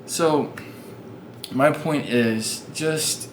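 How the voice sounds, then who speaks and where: A man's voice: a little high, very slow. A young man vlogging, telling a casual story full of fillers and restarts. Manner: rambling, many fillers and restarts. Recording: noisy background ambience.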